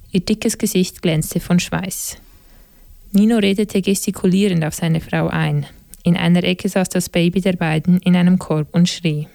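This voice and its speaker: A woman narrating an audiobook with a calm, steady reading. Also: fairly low pitch, vocal fry, dry recording. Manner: calm, steady reading, occasional slips and self-corrections.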